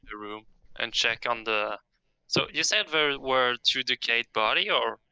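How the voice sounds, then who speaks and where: Brief: male player, very bright and crisp tone, dry close sound. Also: mid-range voice, moderate pace, dry recording, poor audio. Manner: careful, checking details with questions. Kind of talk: casual tabletop game chat.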